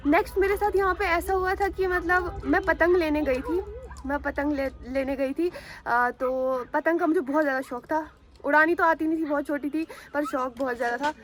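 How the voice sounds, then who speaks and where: High-voiced chatty woman vlogger. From Jammu and Kashmir, India. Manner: chatty, rambling, addresses viewers as "guys". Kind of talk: casual vlog storytelling to viewers. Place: outdoors on a rooftop and at a school ground.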